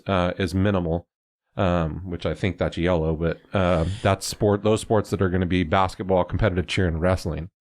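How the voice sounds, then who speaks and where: A man from California co-hosting a sports talk show, explaining at length in a rambling way full of fillers. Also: sits low. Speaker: sports podcast co-host.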